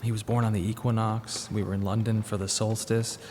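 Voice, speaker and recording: A lightly acted performance in a lowish, slightly mellow voice with a flat delivery: the actor is both narrator and main character of a radio drama, a restless, grieving young father. He comes across as earnest and awkward, wistful and reflective, speaking haltingly. Reverb from a hall and faint background noise fill the recording.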